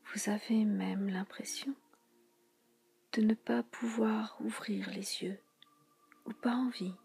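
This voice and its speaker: Soothing, breathy whispering woman guiding relaxation. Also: medium pitch, fairly even intonation. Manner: soothing, hushed, slow and repetitive with frequent pauses. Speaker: relaxation hypnosis guide. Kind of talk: guided relaxation hypnosis in a soothing spa-like whisper.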